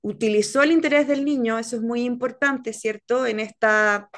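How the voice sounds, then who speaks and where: A woman's voice: fairly high pitch, steady tone, moderate pace, a bit bright. A woman leading a teacher training workshop, explaining step by step and often checking in with her listeners. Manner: explanatory, checks in with frequent "¿cierto?". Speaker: workshop instructor. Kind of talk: online teacher training lecture.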